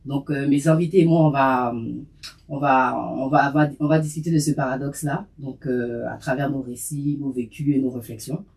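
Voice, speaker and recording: A man's voice: mid-range voice, steady tone, moderate pace, darkish tone. A man hosting a sit-down discussion podcast, talking hesitantly with many fillers. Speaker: podcast host.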